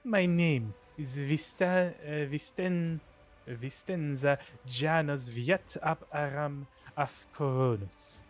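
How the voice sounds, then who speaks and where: A man voicing a haughty noblewoman planetary governor in a forced deep mock-Russian accent, reading game dialogue slowly and formally. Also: lightly acted. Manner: formal, slow, solemn delivery.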